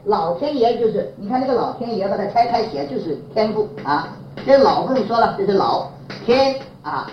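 Woman preacher, lively sermon delivery, prompts the congregation with fill-in questions; echoey room. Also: mid-range voice, slight background noise. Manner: chuckles while telling anecdotes. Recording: roomy, dull lo-fi recording.

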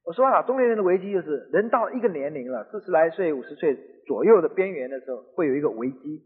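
A man's voice: a little high, expressive, fast, breathy edge. A middle-aged man preaching, telling a story earnestly and conversationally in a radio sermon. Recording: tinny phone-like radio broadcast with long reverb.

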